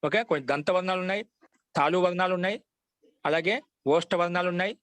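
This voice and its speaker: A man's voice: high voice, quick pace, a bit bright, dry recording. A man teaching a Sanskrit grammar class, patiently repeating each example and checking that students follow. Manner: asks students for confirmation often. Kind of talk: online class lecture.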